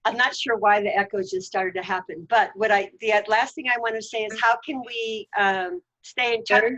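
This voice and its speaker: A woman's voice: mid-range voice, steady tone, moderate pace, fairly bright tone, low-quality recording. A woman hosting an interview over a video call, enthusiastic and encouraging. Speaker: host.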